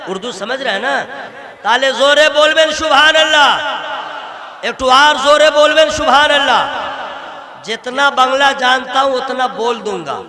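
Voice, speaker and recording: High-voiced man preaching a fiery sermon. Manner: emotive, swings from loud shouting to soft. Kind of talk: Islamic sermon to a crowd. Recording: live crowd gathering. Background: crowd.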